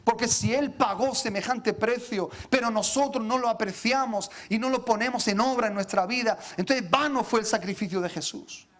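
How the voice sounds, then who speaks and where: A pastor preaches in a high, ringing voice. He speaks with fervor, calling out to his brothers in the congregation, and stutters over repeated words when he pushes hardest. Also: normal speed, few pauses, a bit bright. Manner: impassioned, addresses listeners as brothers, repeats words when fired up. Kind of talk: sermon.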